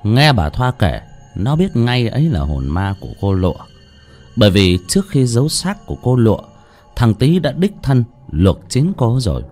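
A man narrating a ghost story in a lively, dramatic reading. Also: mid-range voice, moderate pace, soft background music.

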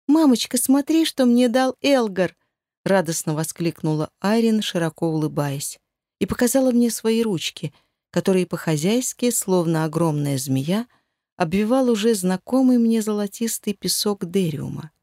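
Woman with a low, dry reading voice. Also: no room sound. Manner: expressive, emotional reading. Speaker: narrator. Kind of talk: audiobook narration of a first-person novel.

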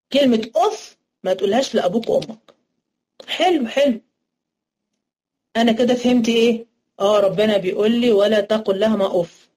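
A woman's voice: on the high side, warm tone. Egyptian woman teaching in a question-and-answer style. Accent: Egyptian Arabic. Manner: explains step by step, asks and answers her own questions. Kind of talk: interactive religious studies lesson. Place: online class recording.

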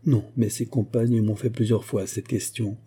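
Worldly, amused duke, voiced by the reader, dark and low, matter-of-fact. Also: male voice, steady tone, moderate pace, breathy edge.

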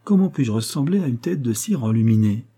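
Man voicing vain coquettish young lady, pitched up, husky dark undertone, storybook. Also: animated, fairly quick.

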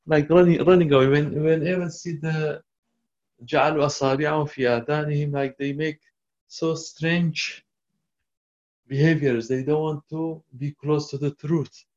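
A man leads a scripture class, reciting a verse, then stopping to ask what a word means before explaining it in halting English. His voice is slightly high and mellow. The recording sounds dull and lo-fi. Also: steady tone. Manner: halting, non-native English with restarts. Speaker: Quran tafsir teacher. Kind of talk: teaching a class, mixing English and Arabic.

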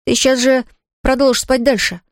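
A woman voicing a stubborn, anxious boy under ten who talks quickly and defensively. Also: high-pitched, little pitch movement, no room sound, clean studio sound, voice pushed up.

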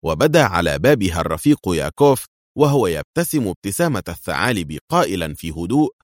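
Man, audiobook narrator, very low voice, measured storytelling, dry close sound. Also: big pitch swings, dry recording.

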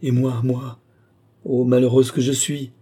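A man's voice: lowish voice, moderate pace, dark tone, husky. A man reading the part of a frightened young Roman noblewoman in an audiobook, in a pleading voice. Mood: anguished. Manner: pleading, fearful.

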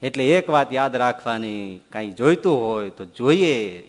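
A man's voice: mid-range voice, expressive, a little slow. Fields: Sex: male. Role: swami preaching with humor. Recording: echoey hall. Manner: humorous storytelling, swings between soft and loud. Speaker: swami giving a scripture discourse. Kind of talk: sermon.

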